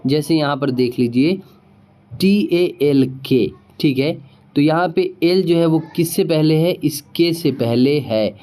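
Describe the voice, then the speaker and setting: A man's voice: fairly high pitch, mellow. A man teaching spelling rules. He asks rhetorical questions, answers them himself and often checks whether his students understood. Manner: spells out words letter by letter, slowly. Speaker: English teacher.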